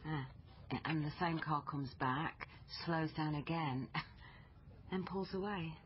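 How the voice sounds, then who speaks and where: Slow and deep-voiced, an actress in a radio crime drama portrays a persistent, questioning British police liaison officer. Puzzled and thoughtful, she presses with questions and reasons out loud in this naturalistic piece, heard through a muffled broadcast with noticeable background noise.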